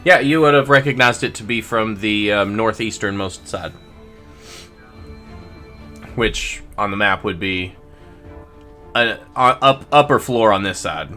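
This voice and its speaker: A man's voice: lowish voice, unhurried, long pauses, pushed and bright, faint music behind. A man running a tabletop game as game master, explaining things in an easygoing way.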